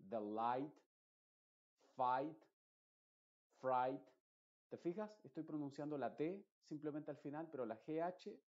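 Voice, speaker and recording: A man's voice: mid-range voice, mellow, lo-fi sound. A man teaching English pronunciation in a patient, explanatory lesson, restating each point.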